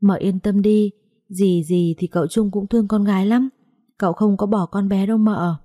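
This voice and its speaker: A woman's voice: mid-range voice, steady tone, normal speed, dark tone, dry recording, clean studio sound, natural voice. A woman voicing a frightened young woman who asks trembling, broken questions. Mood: shaken, tearful.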